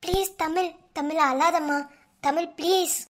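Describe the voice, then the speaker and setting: A woman voicing a caring village sister-in-law in a cartoon, with a Madurai Tamil accent. She gives orders briskly and soothes others. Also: very high voice, steady tone. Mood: soothing. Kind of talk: cartoon voice acting.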